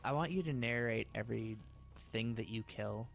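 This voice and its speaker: A man's voice: mid-range voice, normal speed, vocal fry, faint music behind. A man with a nasal voice, tired after a long day, hosting a casual let's-play gaming chat in a laid-back, rambling way.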